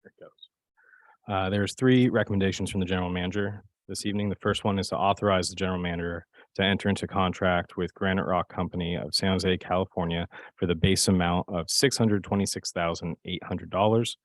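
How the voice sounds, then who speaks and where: Hoarse man, deep, flat delivery. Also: no room sound. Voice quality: raspy. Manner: steady, measured delivery with occasional fillers. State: hoarse from a cold. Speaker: capital project manager presenting to a board. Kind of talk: formal staff presentation.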